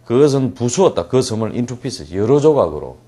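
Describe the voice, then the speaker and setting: A man gives an English reading lecture, his voice moving through a wide, lively pitch range. He reads the English text slowly and deliberately, then explains it briskly. He keeps asking questions and answering them himself. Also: slightly rough. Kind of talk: classroom lecture.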